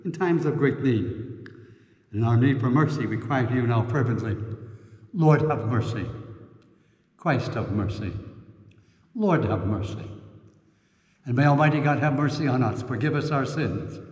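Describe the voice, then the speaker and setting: Solemn priest in an echoey church. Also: male voice, mid-range voice, a little mellow, lo-fi sound. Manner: slow, measured, solemn delivery. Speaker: priest celebrating Mass. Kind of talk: liturgical prayer and scripture reading. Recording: echoey church, reverberant and roomy.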